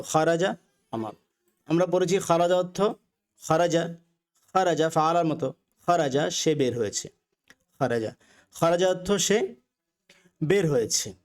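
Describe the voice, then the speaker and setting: A man with a Bangladeshi accent teaching an Arabic grammar lesson, patiently repeating each word slowly for learners to follow. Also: on the high side, darkish tone. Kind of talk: recorded lesson.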